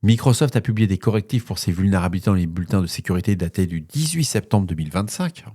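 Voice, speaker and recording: Man, low voice, mellow tone, dry close sound, podcast host, news reading with chatty asides. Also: lively intonation, fast, breathy edge, dry recording. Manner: reads news then chats off-script with fillers. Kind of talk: news bulletin with casual asides.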